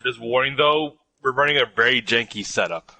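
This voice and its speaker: A man chatting casually as he co-streams a game, with a raspy voice. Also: medium pitch, a little fast, sharp tone, dry recording, poor audio. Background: music.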